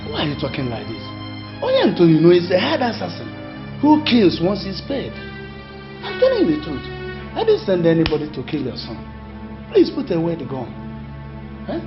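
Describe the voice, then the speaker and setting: A man's voice: fairly high pitch, wildly swooping pitch, normal speed, long pauses. A man playing an older man protesting that he had no part in a killing. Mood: pleading. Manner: protesting, pleading. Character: elder man denying a killing. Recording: dull lo-fi film audio with music.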